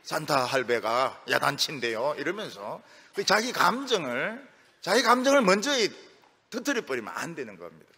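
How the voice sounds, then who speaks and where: A middle-aged male pastor preaching a sermon in a lively, storytelling way, acting out the voices of people he quotes. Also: sits high, moderate pace, breathy edge. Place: church sanctuary. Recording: long reverb of a church hall.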